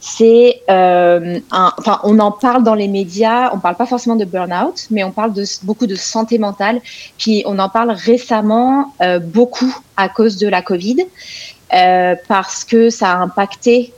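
A woman with a Québécois accent speaks as a guest on the show. Her talk is loose and relaxed, full of fillers. The recording sounds dull and lo-fi. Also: medium pitch, moderate pace. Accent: Québécois French. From Quebec.

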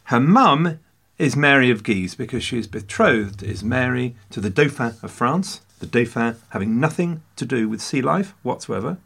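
A man's voice: mid-range voice, lively intonation, moderate pace, vocal fry, fairly bright tone, slightly rough. An English man hosting a casual history podcast, full of jokey asides and mock French phrases. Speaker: podcast host.

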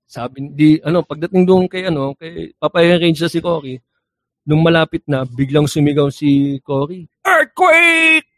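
A man's voice: fairly high pitch, steady tone, normal speed, darkish tone, dry recording. A young man animatedly telling a joke story, acting out characters with sound effects and laughing at his own punchlines. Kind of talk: casual storytelling.

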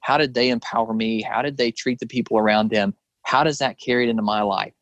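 A man's voice: mid-range voice, steady tone, fast talker, fairly bright tone, dry recording, dull audio. A man who is a guest and leadership speaker with a preacher's background, talking earnestly in conversational storytelling with rhetorical questions.

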